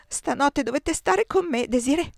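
Woman reader doing a tearful aging empress, pleading, voice pushed high, dry close read. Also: moderate pace, dry recording, close to an everyday voice. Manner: pleading, sobbing, breaking into cries. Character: tearful fading empress, middle-aged woman, fragile.

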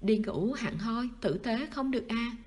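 A woman's voice: fairly high pitch, measured pace, darkish tone, lightly acted. A woman voicing a scared, whiny young man in a read-aloud storybook. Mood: whining. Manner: pleading, whiny.

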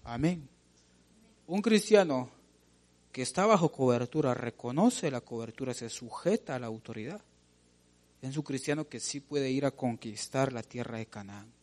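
A man preaching a sermon, asking rhetorical questions and calling out to his listeners as "brother", building to loud emphatic appeals. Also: medium pitch, animated, normal speed. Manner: preaching, calls out "hermano" and builds to shouts. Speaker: pastor.

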